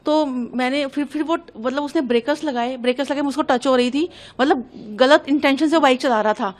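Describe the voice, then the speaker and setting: High-voiced young woman, urgent testimony. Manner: urgent, agitated, hurried retelling. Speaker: interviewee recounting an incident. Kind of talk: emotional news testimony.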